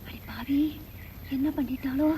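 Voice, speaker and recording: Shrill nagging village mother. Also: measured pace, slight background noise. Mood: wailing. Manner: scolding and wailing loudly. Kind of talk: 1980s Tamil film acting.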